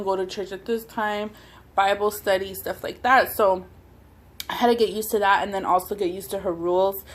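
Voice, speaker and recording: A woman talking casually and chewing as she goes, telling personal stories in a hesitant, rambling way between bites, like a mukbang vlogger. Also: mid-range voice. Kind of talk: casual personal storytelling while eating.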